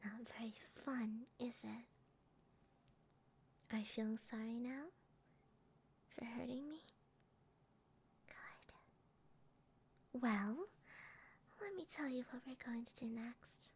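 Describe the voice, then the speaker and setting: A woman voicing a sweet, eerily obsessive, sadistic young lover in a breathy, girlish whispered role-play. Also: a little high, fairly even intonation, slow pace, pauses often, darkish tone, heavily acted. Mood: sweetly cruel.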